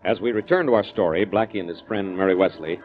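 A man announcing and recapping the story on an old radio show, in a measured delivery. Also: low voice. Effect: old radio show broadcast. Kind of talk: scripted recap narration. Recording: dull lo-fi old radio recording.

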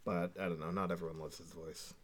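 A man co-hosting a podcast, chatting and telling stories in a relaxed, rambling way. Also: sits low, fast. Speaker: podcast co-host. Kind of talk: casual chat.

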